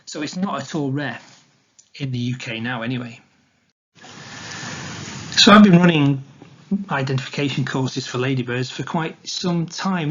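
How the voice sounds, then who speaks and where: A man's voice: medium pitch, fairly bright tone, lo-fi sound, slight background noise. Man giving a chatty illustrated nature talk. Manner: conversational, chatty and informal. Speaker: wildlife educator presenting a talk.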